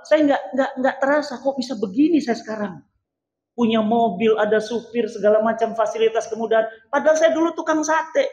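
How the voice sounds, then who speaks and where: Male preacher, high voice, theatrical sermon delivery, echoey mosque PA sound. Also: slight background noise. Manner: animated, theatrical, acts out quoted voices. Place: large mosque hall. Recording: echoey, dull mosque PA recording.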